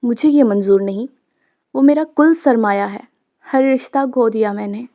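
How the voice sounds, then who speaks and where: A woman's voice: fairly high pitch, moderate pace, dark tone, close to an everyday voice. A woman reading the part of a stern young mother who sharply scolds her daughter in a storybook. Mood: weary.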